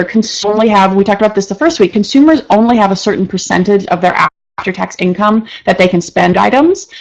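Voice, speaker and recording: Woman instructor, live online lecture, quick and chatty, lots of fillers. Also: medium pitch, poor audio. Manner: fast-talking, says she speaks fast when excited; chatty, many fillers and restarts. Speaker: marketing instructor.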